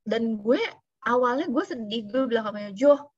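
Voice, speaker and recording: A woman's voice: a little high, normal speed, no echo, dull audio. A woman, an insurance agent giving a casual motivational talk, chatty and slipping in English phrases. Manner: chatty, mixes in English phrases, laughs now and then. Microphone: video call.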